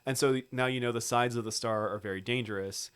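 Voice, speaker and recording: A man's voice: mid-range voice, steady tone, a little fast, fairly bright tone, clean tone. A man co-hosting a film podcast, recapping a movie plot in casual, profanity-laced chat and acting out lines. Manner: swears freely, acts out movie lines. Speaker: podcast co-host.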